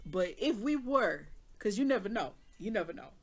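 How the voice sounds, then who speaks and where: Speaking at a moderate pace in a sing-song, mid-range voice, a tarot reader who is a mother gives a laid-back reading. She's frank and jokey, laughing often and letting the occasional mild swear word slip.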